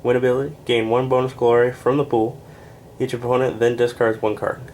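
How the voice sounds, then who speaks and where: A man with a stuffed-up voice works through a deck of game cards, reading each one's text in a plain, unhurried way. He adds casual asides with fillers and is a little short of breath. A faint hiss sits behind him. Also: medium pitch, little pitch movement, darkish tone. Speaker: board game reviewer.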